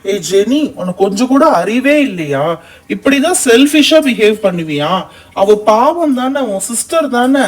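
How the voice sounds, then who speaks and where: A woman's voice: fairly high pitch, sing-song, measured pace. A woman voicing a bossy young boy in a doll-play story, scolding and exasperated with his friends.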